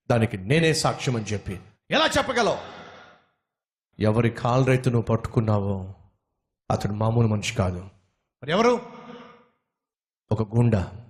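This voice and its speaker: Man doing a quiet limping old guy, low and gentle, calm. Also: close to an everyday voice. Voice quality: soft, calm. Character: gentle lame older man, former victim.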